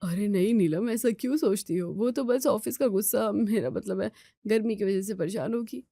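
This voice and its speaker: A woman voicing a tired elder brother who speaks mildly to calm things down. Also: mid-range voice, normal speed, creaky, no echo, studio quality. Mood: placating.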